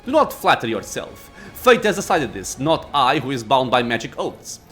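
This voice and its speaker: A man's voice: mid-range voice, very animated, normal speed, fairly bright tone, faint music behind. A man voicing an ancient undead lich master from a fantasy game, lordly and impatient, speaking in formal, archaic phrases. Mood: proud, impatient. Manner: imperious, archaic formal speech. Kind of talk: acted reading of fantasy game dialogue.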